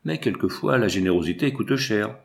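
A man's voice: lowish voice, expressive, normal speed, gravelly. A man reading the lines of a haughty, proud young woman in a storybook, with a dry, curt, ironic delivery.

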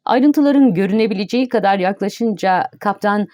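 A woman narrating an audiobook in a steady, even reading voice. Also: mid-range voice, moderate pace, dry recording, studio quality.

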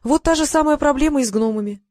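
A woman's voice: sits high, fast, voice pushed up, lightly acted. A woman voicing a proud, talkative mermaid sorceress who speaks animatedly in an audiobook. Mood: explaining. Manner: animated, eager. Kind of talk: audiobook narration.

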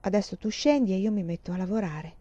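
Woman reader voicing a mature woman writer, proud, weary, rueful, mellow tone, dull lo-fi recording. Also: mid-range voice, animated, fast, no echo, natural voice. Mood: eager. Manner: speaks in bursts, intense and rueful.

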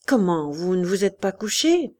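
A woman voicing a discouraged middle-aged manufacturer who speaks in a low, dejected way. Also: very animated, normal speed, mellow.

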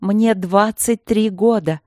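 A woman voicing a defiant young woman of twenty-three, snapping back in a hoarse voice. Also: medium pitch, steady tone, normal speed, dark tone, no echo, clean studio sound, pitched above the performer's own voice, lightly acted.

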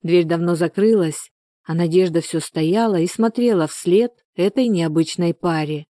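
A woman calmly narrating a story as a storybook reader. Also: on the low side, unhurried, dry recording, studio quality. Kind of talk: storybook reading.

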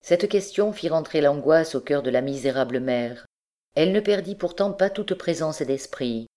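A woman narrating a classic novel as an audiobook in a measured, even way. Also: low-pitched. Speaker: audiobook reader.

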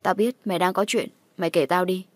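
A woman's voice: fairly low pitch, steady tone, fast, no room sound, clean studio sound, natural voice. Woman voicing a taunting phantom caller. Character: phantom caller posing as a friend.

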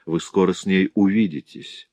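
A man voicing a calm, compassionate gentleman who reassures a grieving father, in an audiobook. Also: low voice, normal speed, dry recording, lightly acted. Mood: reassuring. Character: calm, compassionate nobleman comforting others. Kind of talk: audiobook character voice.

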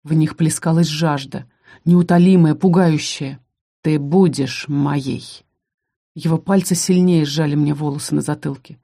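This narrator has a mid-range, creaky voice and delivers a first-person fantasy romance audiobook with a calm, measured storytelling style.

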